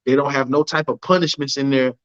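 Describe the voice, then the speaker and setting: A man's voice: medium pitch, steady tone, fast, fairly bright tone, dull audio. A man hosting a casual livestream, chatting with a guest and reading out viewer comments, often asking "you know what I'm saying". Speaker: livestream host.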